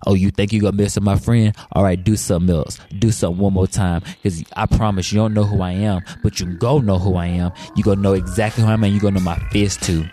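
A young man putting on a booming tough-guy bass. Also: fairly even intonation, fast talker, hardly any pauses, dark tone, lightly acted. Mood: menacing. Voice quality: very deep second register. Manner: threatening, streetwise swagger. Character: gruff tough-talking man with booming deep voice.

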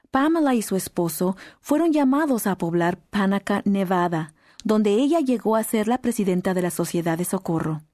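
A woman reading a scripted narration in a calm, measured way. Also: mid-range voice, no echo, studio quality.

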